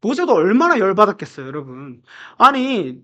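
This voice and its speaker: A man preaching as a pastor in a chatty, animated style with lots of fillers. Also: high-pitched, moderate pace, dull audio. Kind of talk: lively casual sermon.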